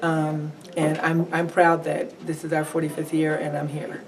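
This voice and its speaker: A low, fairly flat-voiced woman speaks earnestly, stopping to restart her thoughts. She is picked up from a distance with crowd chatter around her. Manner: earnest, halting with fillers. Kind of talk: casual interview.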